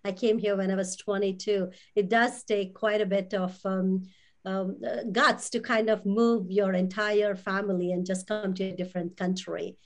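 A woman's voice: medium pitch, fairly even intonation, moderate pace. Enthusiastic woman hosting an interview. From immigrant. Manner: enthusiastic, complimentary. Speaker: talk show host. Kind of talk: interview host.

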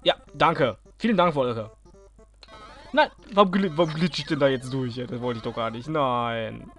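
A man's voice: medium pitch, moderate pace, fairly bright tone, soft background music. A man giving casual let's play commentary, grumbling at and cheering on the game, talking to enemies.

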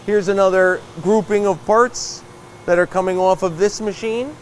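A man's voice: sits high, fairly even intonation, normal speed, slight background noise. A man in his fifties, a shop owner, giving a plain-spoken guided tour of his machine shop floor with a lapel mic and frequent fillers. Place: large bright machine shop floor, indoors.

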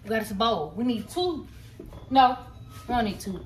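A woman's voice: on the high side, sing-song, normal speed. Bossy young woman vlogging in an echoey kitchen. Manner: bossy, teasing, slangy. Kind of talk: casual cooking vlog. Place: home kitchen. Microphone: phone camera. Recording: echoey kitchen with clear noise.

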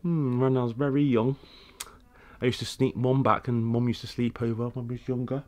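A middle-aged British father chats casually for a family vlog, playful and teasing. His medium-pitched voice barely moves in pitch, runs fairly quick, and is a little mellow. Recorded on a handheld camera at arm's length with faint background noise, it moves from small furnished rooms of a house to inside a car.

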